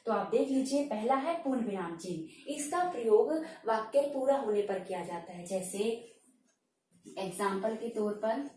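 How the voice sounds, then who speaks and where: A woman's voice: a little high, lively intonation, warm tone, far from the mic, a little hiss or hum. Patient woman teaching, echoey room. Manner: explains patiently, repeats points, calls students "beta"; says example words slowly, one at a time. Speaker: Hindi teacher. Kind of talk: online grammar lesson.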